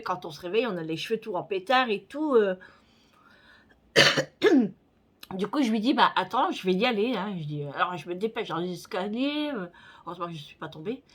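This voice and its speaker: A woman's voice: mid-range voice, lively intonation, a little fast. A woman in her forties, chatting casually on her vlog, rambling with many fillers and a slightly stuffy nose. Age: 40s. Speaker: vlogger. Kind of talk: casual chat.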